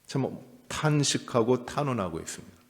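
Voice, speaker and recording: A man's voice: mid-range voice, lively intonation, normal speed. A man preaching a dawn prayer sermon, moving between plain explanation and a lamenting, pleading voice. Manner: lamenting, pleading tone while voicing Job's cries. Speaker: pastor. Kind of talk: early-morning prayer sermon. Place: church sanctuary. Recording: long church reverb.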